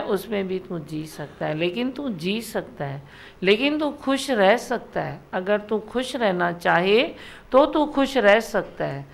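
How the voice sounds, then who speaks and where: Woman, gravelly voice, devotional discourse, repetitive exhorting. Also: mid-range voice. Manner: repetitive exhorting, direct address. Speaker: spiritual teacher. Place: satsang hall.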